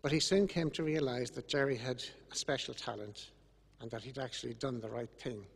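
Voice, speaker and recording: Solemn Irish man, gravelly, grieving and grateful, echoing church. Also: mid-range voice, a little fast. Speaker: eulogist speaking about his late brother. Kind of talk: funeral eulogy. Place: large church, over a microphone to congregation and webcam. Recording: echoey church with long reverb.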